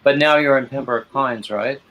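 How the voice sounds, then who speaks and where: A man's voice: medium pitch, normal speed, low-quality recording. A man hosting a livestream in a casual, conversational style. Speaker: livestream host. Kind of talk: casual chat. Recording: steady noticeable background noise.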